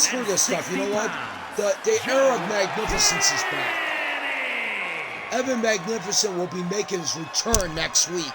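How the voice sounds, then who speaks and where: A man doing a fed-up shouting wrestler. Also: high-pitched. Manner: shouting, fed-up trash talk. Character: angry male wrestler quitting his tag partner. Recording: loud crowd and game noise.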